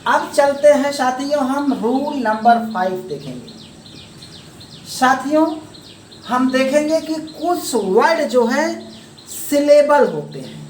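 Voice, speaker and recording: A woman teaching an English grammar lesson, explaining slowly step by step and calling the viewers friends. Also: high-pitched, sing-song, darkish tone, slight background noise. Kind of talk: classroom-style grammar lesson. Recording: echoey room, voice from a distance, faint ambience.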